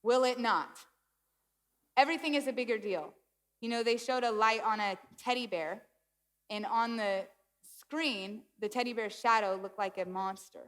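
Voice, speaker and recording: A woman giving a sermon in a church, telling a personal story in an animated, self-deprecating way. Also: a little high, normal speed, long reverb tail. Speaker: guest speaker. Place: church sanctuary.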